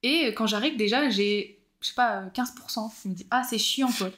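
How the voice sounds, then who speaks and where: A woman's voice: a little high, moderate pace. A young woman co-hosting a podcast, telling a story in casual chat and acting out the people she quotes. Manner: animated, acts out quoted voices. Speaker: podcast co-host.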